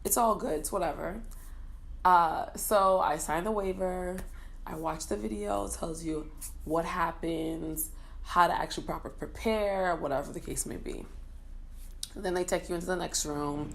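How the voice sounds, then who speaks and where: A woman in her thirties spins a personal story straight to camera in a loose, chatty vlog style. Her voice sits a little low and has a gravelly fry to it. She keeps it playful and animated, tossing in the odd curse word. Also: normal speed. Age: 30s. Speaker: vlogger.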